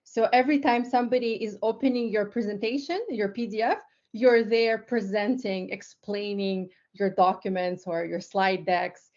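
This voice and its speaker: A woman's voice: medium pitch, steady tone, moderate pace, a little mellow. A woman from Lithuania, a tech company co-founder, giving a casual webinar presentation with many fillers and restarts over a video call. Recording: slightly dull online call audio.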